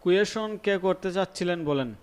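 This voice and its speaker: A man's voice: sits high, fairly quick, background noise. A young man with a Sylheti-tinged Bangla accent teaching a live online class, thinking aloud, repeating words and checking that students follow. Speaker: instructor.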